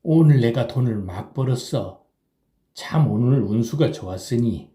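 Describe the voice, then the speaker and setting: A man voicing a drunk, boisterous middle-aged rickshaw puller who shouts and slurs in an audiobook reading. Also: mid-range voice, animated, a little slow, echoey room, lightly acted. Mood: drunken bragging. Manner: loud, slurring drunken shouting.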